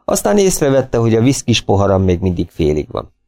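Male audiobook narrator, low gravelly dark voice, measured and wry. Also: huge pitch swings.

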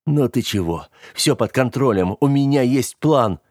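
A man's voice: mid-range voice, animated, a little slow, darkish tone, dry recording, clean studio sound, pitched above the performer's own voice. A man voicing a young man who urgently orders his friend to flee, commanding and pushing. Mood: forced cheerful. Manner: urgent, commanding, forced cheer.

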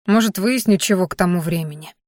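A woman voicing an elderly father-in-law who talks briskly, grumbles and reassures, in an audiobook. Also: lowish voice, a little mellow, no echo, studio quality, close to an everyday voice. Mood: gruffly reassuring. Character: elderly male father-in-law, gruff but caring.

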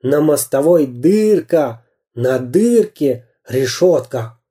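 A man voicing a gruff, dim-witted bearded pirate captain in a storybook reading, blustering slowly. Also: mid-range voice, expressive, warm tone.

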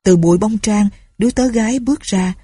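Woman, storybook narration, steady reading, breathy voice, dry sound. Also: medium pitch, fairly quick, no echo.

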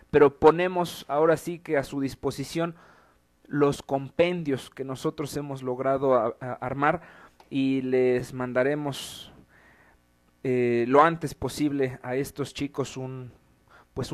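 Mexican male host, slow and somewhat high voice, sardonic live commentary, curses easily. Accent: Mexican Spanish. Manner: exasperated, wry, swears freely. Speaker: host of an online show.

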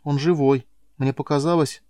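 A man's voice: a little high, fairly even intonation, normal speed, dark tone, smooth, dry recording, clean studio sound, voice pushed up, close to an everyday voice. A man reading an audiobook voices a compassionate, stubborn young woman who speaks earnestly and insistently. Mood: urgent.

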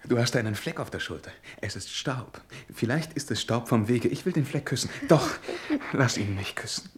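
An actor playing a brooding, lonely young lieutenant in a 1950s German radio play, speaking earnestly and with feeling. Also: male voice, medium pitch, expressive, normal speed, breathy edge. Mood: tender. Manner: earnest, emotional, at times softly murmured. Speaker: lead character and first-person narrator.

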